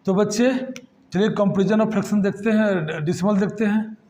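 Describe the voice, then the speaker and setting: Male math tutor, high voice, patient question-and-answer classroom delivery. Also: fairly even intonation, normal speed, warm tone. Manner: addresses students as kids, asks and answers his own questions.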